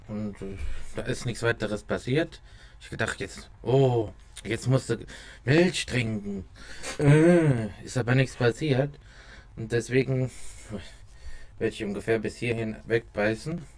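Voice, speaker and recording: A young man with a medium-pitched voice chats casually to camera. He is a vlogger speaking into a close desk microphone in a small room at home. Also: measured pace, creaky, pauses often, darkish tone. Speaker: vlogger introducing a taste test. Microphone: close desk microphone with pop filter.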